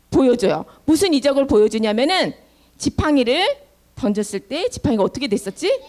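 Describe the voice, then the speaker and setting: A woman teaching children, telling a Bible story with lively questions to her young listeners. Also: high-pitched. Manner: animated, asks children questions.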